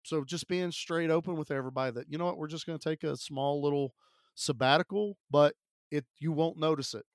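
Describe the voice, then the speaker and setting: A man's voice: on the high side, brisk, no room sound. Guy co-hosting a movie podcast, kinda sick voice, chatty, dry close mic. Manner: chatty, upbeat, frequent fillers. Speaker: podcast co-host. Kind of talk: casual podcast chat.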